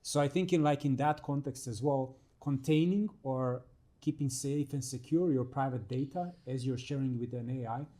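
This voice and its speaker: A man's voice: mid-range voice, normal speed, few pauses, mellow. A man from Croatia co-hosting an interview podcast, talking animatedly as he poses long questions. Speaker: podcast co-host. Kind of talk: conversational interview.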